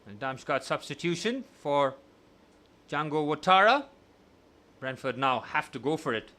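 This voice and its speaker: Young guy doing fan commentary on a live watchalong, kinda high tense voice, biased, goes from moping to yelling. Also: a little slow. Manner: partisan, swings from glum musing to excited shouting. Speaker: watchalong host.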